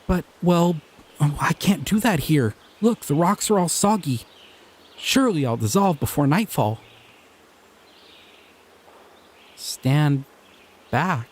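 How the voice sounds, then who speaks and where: In an audio roleplay, a man plays a shy, gentle male slime creature using a fairly high voice. He speaks softly and hesitantly, often letting his words trail off, and sounds anxious.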